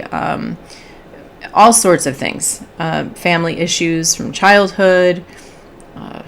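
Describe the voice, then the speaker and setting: Woman host with a stuffy nose and a lowish voice, chatty and relaxed, greeting live viewers. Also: slight background noise. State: stuffy from allergy. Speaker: host of an animal communication live stream. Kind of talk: casual live-stream chat.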